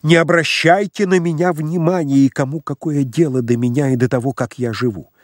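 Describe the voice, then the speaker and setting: Guy doing a frantic high-strung young guy, voice up high and loud, near hysterics, dry close sound. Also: big pitch swings, slow, slightly rough, no room sound, exaggerated voice. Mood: agitated shouting. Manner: shouting, pleading, near hysteria. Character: overwrought young man, hysterical, defiant.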